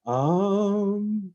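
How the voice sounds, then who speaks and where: Male host, enthusiastic, very animated intonation, on a video call. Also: high voice. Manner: enthusiastic, encouraging. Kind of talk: casual interview chat.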